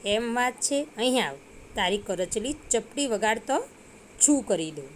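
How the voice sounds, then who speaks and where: A woman's voice: fairly high pitch, lively intonation, unhurried, slight background noise. A woman voicing a short-tempered adult male washerman in a children's story, speaking in a scolding way. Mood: helpful.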